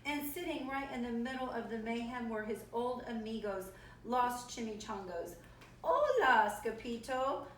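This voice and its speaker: A woman's voice: fairly high pitch, normal speed, a little hiss or hum. Woman reading a storybook aloud, playful. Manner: lively, expressive, playful. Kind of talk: reading a picture book aloud. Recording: echoey room, mic at a distance.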